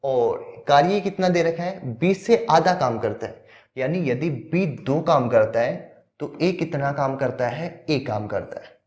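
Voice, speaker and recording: A man's voice: fairly high pitch, animated, a little slow, darkish tone. A man teaching an exam-prep maths lesson who talks through each step, asks questions and answers them himself.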